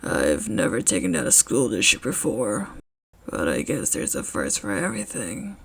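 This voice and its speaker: A woman voicing a grown man, a tired hero teacher who is quietly angry, in a low, slow, breathy hush. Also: wildly swooping pitch, exaggerated voice.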